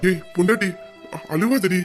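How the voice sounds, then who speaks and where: A man's voice: high-pitched, normal speed, faint music behind, natural voice. A man voicing a devoted young husband who coaxes and pleads with his wife in an affectionate tone, as in a fan audio drama. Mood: tender.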